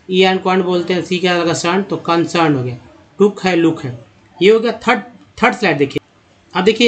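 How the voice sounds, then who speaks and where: Man, high-pitched, English reading lesson, slow and repetitive, sounds out word parts. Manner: breaks words into parts, repeats each sound slowly. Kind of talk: screen-share lesson, slow spelled-out explanation.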